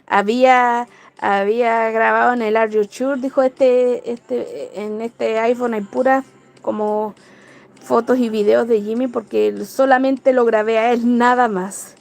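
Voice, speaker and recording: Slow gravelly Chilean woman livestreaming. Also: on the high side, steady tone. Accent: Chilean Spanish. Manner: chatty, rambling, greets viewers by name. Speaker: livestream host. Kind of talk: casual live-stream chat.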